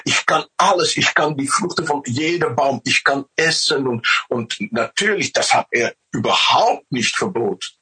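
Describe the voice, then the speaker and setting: A man voicing the first woman in a told story, pitched high and protesting quickly. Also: animated, pushed and bright, husky, exaggerated voice, low-quality recording. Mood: insistent. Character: startled, innocent first woman.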